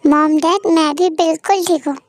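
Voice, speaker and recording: Very high-pitched dutiful young daughter, voiced by a woman. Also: steady tone, moderate pace, dry recording. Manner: soothing, pleading. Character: caring young adult daughter, dutiful and reassuring. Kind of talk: amateur fan audio drama.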